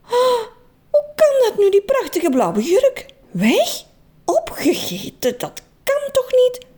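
Woman voicing a shrill, excitable lady. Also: racing, full character voice. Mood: dismayed. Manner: high, exclaiming, breathless delight. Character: excitable woman, proud of her new dress.

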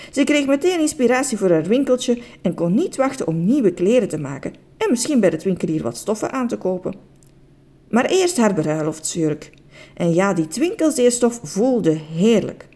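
A woman narrating a children's story aloud, expressive, with the odd slip and restart. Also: medium pitch, normal speed. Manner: expressive, with occasional slips and restarts.

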